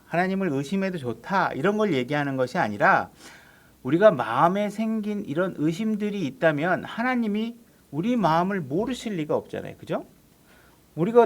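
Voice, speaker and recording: Korean-speaking pastor, slightly high voice. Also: male voice. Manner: conversational preaching with frequent rhetorical tag questions; acts out quoted prayers and voices of God in his own voice. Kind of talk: sermon.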